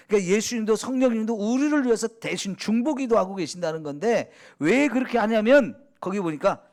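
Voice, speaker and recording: High-voiced Korean pastor with a Chungcheong accent. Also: male voice. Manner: conversational, asks the congregation questions and answers them; drops to a soft hush when quoting prayers. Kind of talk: sermon.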